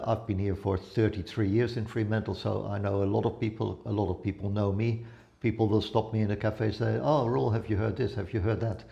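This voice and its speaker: A man in his seventies, from the Netherlands, chatting as an interview guest in a relaxed, rambling way with many pauses. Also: on the low side, vocal fry, muffled recording. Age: 70s. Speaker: guest, retired photographer and blogger. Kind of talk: casual interview chat.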